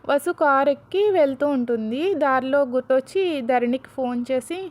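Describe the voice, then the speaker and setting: A woman with a high voice retells a story in a relaxed, chatty manner. She explains each step plainly, like someone recounting a tale to a friend. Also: moderate pace.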